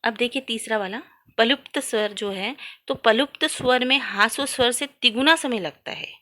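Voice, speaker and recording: Bright and forceful, a slightly high female voice moves at a moderate pace through a grammar lesson. She poses questions to the class and supplies the answers, elongating sounds to show how they work, much like a classroom teacher.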